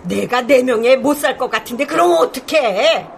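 An actress playing a proud, quick-tempered older grandmother who scolds and sighs theatrically. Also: high voice, animated, slight background noise. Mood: scolding. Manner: scolding, sighing, melodramatic. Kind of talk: TV or radio drama acting.

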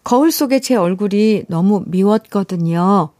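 A middle-aged woman hosts a radio show, her voice mellow and soft-edged. She reads listener letters and chats about them with playful teasing and easy laughter, close on a dry studio mic with no room sound. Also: medium pitch, expressive, a little slow, no echo. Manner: warm chatty, laughs often, teasing asides. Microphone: studio microphone.

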